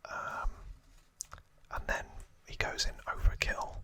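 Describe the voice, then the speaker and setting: An ASMR host speaks slowly in a constant breathy whisper that carries a bright, crisp hiss. He shares trivia informally, working through it from memory as he goes.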